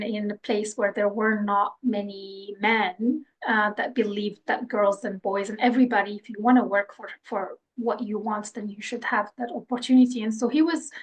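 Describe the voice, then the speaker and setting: A woman's voice: a little high, low-quality recording. A woman from Morocco in her thirties, a scientist speaking as a podcast guest, talking thoughtfully with frequent fillers and restarts. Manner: hesitant, many restarts and fillers. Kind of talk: conversational interview.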